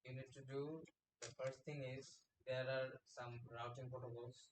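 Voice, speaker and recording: A man's voice: mid-range voice, level tone, moderate pace, distant mic. A man guiding fellow students in casual talk, repeating short instructions. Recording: echoey room with faint hiss.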